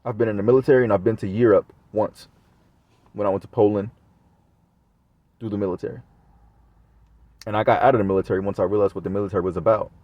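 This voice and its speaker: A man's voice: on the low side, steady tone, fast, long pauses, no echo, dull audio. A man talking straight to his viewers in a casual monologue, rambling and swearing often. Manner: profane, rambling. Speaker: vlogger.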